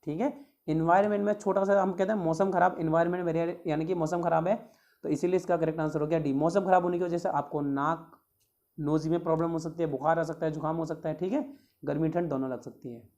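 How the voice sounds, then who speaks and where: A male teacher going through exam questions one by one. He reads each English question slowly, then explains it in a chatty way, asking the class rhetorical questions. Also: a little high, a little mellow. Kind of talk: exam question walkthrough lesson.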